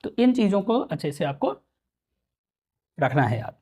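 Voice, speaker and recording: A man teaching pronunciation, repeating words slowly and checking that students follow. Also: high voice, very animated, darkish tone, husky. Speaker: English teacher. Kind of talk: Hindi-English spoken lesson.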